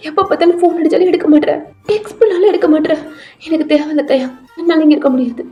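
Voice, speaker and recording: Brief: a woman playing a young woman, high and pleading, homesick and teary, dark mellow tone, music underneath. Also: fairly even intonation, fast, lightly acted. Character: young woman, frightened, homesick, tearful friend.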